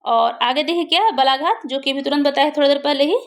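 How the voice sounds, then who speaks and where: A woman's voice: high voice, quick pace. A woman teaching a grammar lesson for exam preparation, who asks questions and answers them herself.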